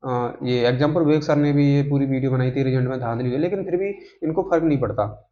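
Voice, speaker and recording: Speaking quickly in a warm, medium-pitched voice, a man informally explains job exam news to his YouTube audience. He wanders a bit and keeps tossing in quick check-ins, all over a dull lo-fi microphone.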